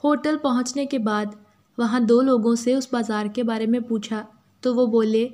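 A woman with an Urdu accent and a fairly high voice reads a first-person story at normal speed, narrating steadily and evenly.

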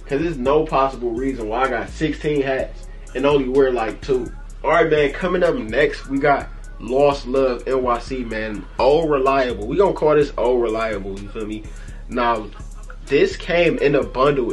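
Young man hyping his hats, slangy. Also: medium pitch. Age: young adult. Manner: excited, slangy, repeats "bro" and "you feel me". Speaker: vlogger showing a hat collection. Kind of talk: casual vlog talk to camera. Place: small bedroom with purple LED lights.

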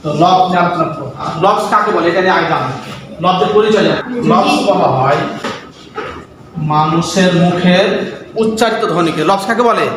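Male teacher, high voice, runs a call-and-response grammar lesson in a classroom, heard from far off in a very echoey room with steady noise. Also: brisk. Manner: drills students with repeated questions. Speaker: madrasa teacher.

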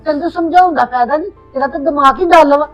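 A woman with a high, brisk voice plays a mother who lectures reproachfully. The audio is a little dull, and light music sits behind her. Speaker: actor playing a mother. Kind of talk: Punjabi family web drama acting.

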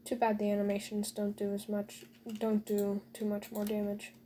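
A woman's voice: medium pitch, monotone, normal speed, mellow, slight background noise. A woman casually commentating her own gameplay, talking to viewers with joking asides and dry sarcasm.

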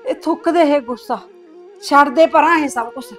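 In a short family drama, a middle-aged woman with a high voice plays a grieving mother-in-law comforting her son's wife while crying. Her lightly acted, normal-speed delivery is tearful, soothing and pleading, set against soft background music.

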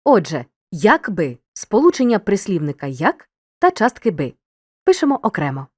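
A woman narrating a scripted grammar lesson as a teacher, giving clear instructions and speaking straight to the learner. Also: mid-range voice, sing-song, moderate pace, no echo, clean studio sound. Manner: clear didactic instruction, addresses the learner directly.

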